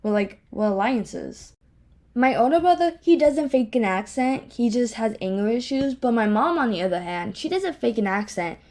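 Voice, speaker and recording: Animated and barely pausing, a young woman with a speech impediment rambles through a casual solo podcast chat at a moderate pace. Her voice is on the high side with a darkish tone, and she's candid and self-deprecating in her home office.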